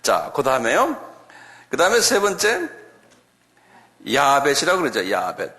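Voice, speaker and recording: A middle-aged man teaching a slow, step-by-step classroom Bible lecture, often asking the class to repeat words aloud. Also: mid-range voice, huge pitch swings, pushed and bright. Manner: chuckles, talks directly to students.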